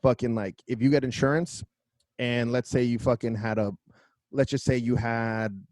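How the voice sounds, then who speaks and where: Male comedy podcast co-host, mid pitch, profane anecdotal storyteller, close dry sound. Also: normal speed, no echo, low-quality recording. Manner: profane, animated, acts out quoted voices.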